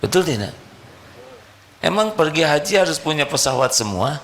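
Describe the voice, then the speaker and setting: A man's voice: on the high side, sing-song, moderate pace, a bit bright, slight background noise. A male preacher, giving a sermon and playfully quizzing his audience. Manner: playful, questioning the audience directly.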